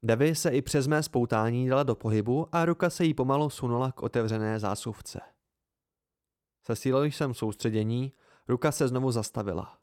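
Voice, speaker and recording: A man narrating an amateur audiobook in steady first-person storytelling. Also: mid-range voice, no room sound, clean studio sound. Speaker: audiobook reader.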